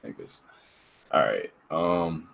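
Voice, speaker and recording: A man's voice: a bass voice, lively intonation, takes it slowly, gravelly, muffled recording. A man hosting a casual discussion podcast, telling a story in a laid-back way and laughing as he goes. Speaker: podcast host.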